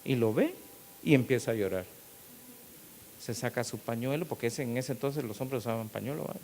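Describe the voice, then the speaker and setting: A middle-aged man, a pastor, preaching an animated sermon and acting out the people in his stories. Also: mid-range voice, fairly quick, vocal fry. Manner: animated storytelling, acting out quotes, rising to loud emphasis. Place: church hall. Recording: long hall reverb with faint hiss.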